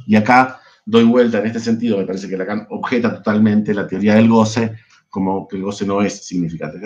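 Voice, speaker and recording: A man's voice: fairly low pitch, darkish tone. Argentine man lecturing over dull online audio. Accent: Argentine Spanish. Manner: discursive, peppered with checking questions. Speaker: psychoanalysis lecturer. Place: home, online class.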